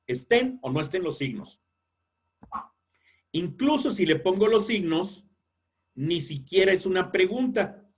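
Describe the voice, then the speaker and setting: A man lecturing in a webinar on editorial writing, explaining clearly and acting out example sentences. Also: sits high, expressive, unhurried, pauses often.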